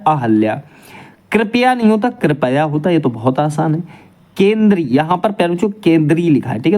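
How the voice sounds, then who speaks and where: Lively-voiced male exam coach. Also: a little high. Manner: asks questions and answers them himself; repeatedly checks in with students. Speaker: teacher.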